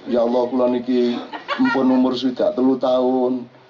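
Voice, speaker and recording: A man's voice: medium pitch, monotone, normal speed, lo-fi sound, noisy background, natural voice. A man voicing a humble old village man in his sixties who prays with a pleading tone. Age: 60s.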